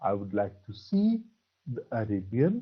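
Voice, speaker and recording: A man's voice: fairly low pitch, very animated, moderate pace, husky. Assamese guy teaching english homophones, voice jumps around a lot, dull lo-fi sound. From Assam, India. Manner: asks questions and answers them himself, praises with "very good"; spells out words letter by letter. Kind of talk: classroom English grammar lesson. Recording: dull lo-fi recording.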